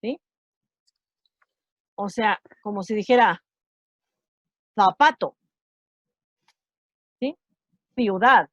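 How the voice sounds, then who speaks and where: A woman's voice: medium pitch, takes it slowly, long pauses, fairly bright tone, no echo, lo-fi sound. A woman teaching an online English class, explaining sounds patiently and checking understanding often.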